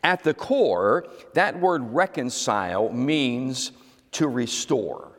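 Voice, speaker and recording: A man's voice: medium pitch, expressive, slow pace, a bit bright. Man preaching a sermon, echoey hall. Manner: teaching, repeats key words, asks the congregation to respond. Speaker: pastor.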